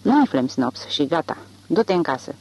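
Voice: mid-range voice, sing-song, slightly rough. An audiobook reader voicing a gaunt grown man who speaks curtly, with cold, held-back fury. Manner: curt, coldly violent, slow.

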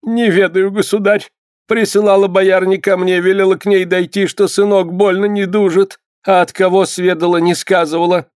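A man's voice: high voice, level tone, normal speed, darkish tone, clean tone, no echo, clean studio sound, pitched above the performer's own voice, close to an everyday voice. A man voicing an old village healer woman, frightened and pleading, wailing and chanting her charms. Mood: fearful.

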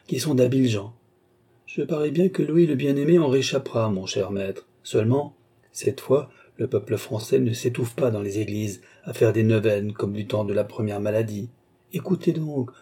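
A man's voice: mid-range voice, normal speed, mellow, breathy edge, natural voice. A man reading the part of a restless young man who talks in a brash, sardonic way.

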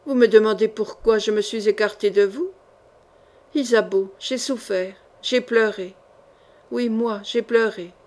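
A woman's voice: fairly high pitch, a little slow, darkish tone, lightly acted. A woman reading the lines of an ambitious, jealous male duke in a fervent, pleading way for an audiobook. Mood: passionate.

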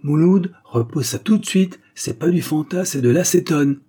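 A man voicing a calm, wry young male chemist who explains things dryly. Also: medium pitch, normal speed, husky. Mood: alarmed. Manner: dry, ironic explanations.

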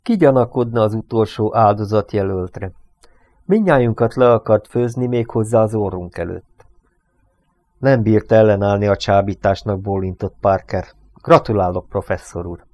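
A man with a fairly low voice narrates a crime novel in a steady, measured audiobook delivery. He raises his voice whenever the dialogue turns to shouting. The recording is dry and close-miked, with hardly any room sound. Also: no echo. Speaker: audiobook reader.

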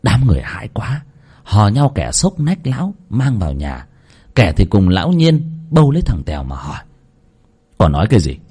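A man's voice: lowish voice, sing-song, moderate pace, dark tone, slightly rough. A man reading a horror story aloud in a dramatic, vivid narration.

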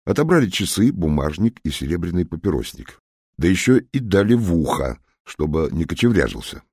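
A man narrating an audiobook in a dramatic, expressive way. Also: low voice, a little fast, husky, no room sound, studio quality.

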